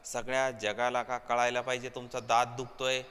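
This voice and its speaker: A man's voice: medium pitch, level tone, normal speed, a bit bright, clean tone, long reverb tail, lightly acted. A man reading the lines of a wife who scolds her husband, in a reproachful tone. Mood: scolding. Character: scolding wife, middle-aged woman, nagging.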